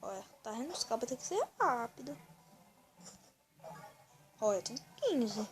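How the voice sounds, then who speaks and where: A woman with a Brazilian accent giving excitable, running commentary on a game she is playing for a video, often telling the viewer to look. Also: on the high side, a little slow. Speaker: gaming video host. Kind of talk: let's-play gameplay commentary. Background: faint game music.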